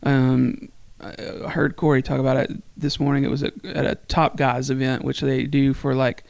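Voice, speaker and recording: A man's voice: medium pitch, little pitch movement, moderate pace, vocal fry, a little mellow, dry recording. A middle-aged man, co-hosting a podcast and telling a long rambling story with plenty of swearing. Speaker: podcast co-host. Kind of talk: casual chat.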